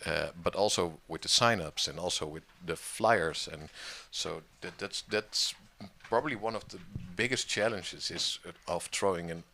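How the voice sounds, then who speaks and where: Very deep-voiced man, halting with fillers. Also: vocal fry, bright, forceful tone, a little hiss or hum. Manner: hesitant, many fillers and restarts. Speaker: online music community organizer. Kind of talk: casual interview conversation.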